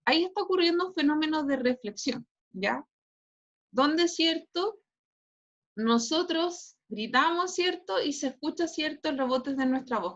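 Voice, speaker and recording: A woman's voice: high voice, a bit bright, highs cut off. A woman teacher with a Chilean accent giving an online physics class, who keeps checking in with "¿cierto?" and "¿ya?". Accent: Chilean Spanish.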